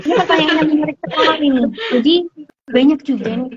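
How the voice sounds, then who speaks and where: Woman explaining calmly, lo-fi sound. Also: high-pitched, fast talker. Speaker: speech therapist guest. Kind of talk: explaining on a hospital talk show.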